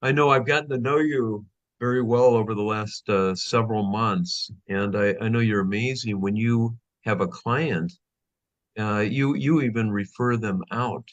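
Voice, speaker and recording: A man's voice: on the low side, moderate pace, highs cut off. A man hosting a casual interview show, upbeat and effusive with praise for his guest. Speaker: show host.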